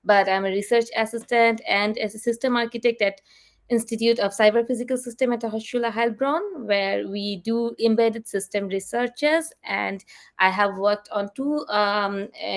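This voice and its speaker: A woman researcher giving an invited talk over a video call, explaining in an earnest, halting way. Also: medium pitch, gravelly.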